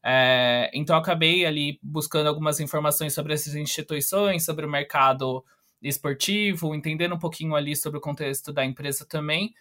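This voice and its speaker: A man's voice: on the high side, steady tone, a little fast, sharp tone. A young man with a Brazilian Portuguese accent, a trainee earnestly explaining his advice in an interview. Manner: earnest, explanatory, giving tips. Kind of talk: casual interview answers.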